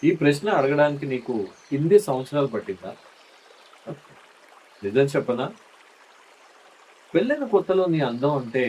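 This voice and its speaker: A man's voice: medium pitch, darkish tone, a little hiss or hum. A middle-aged man delivering a scripted, heartfelt monologue as a husband speaking tenderly and intimately to his wife. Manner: tender, intimate, coaxing tone addressed to a spouse.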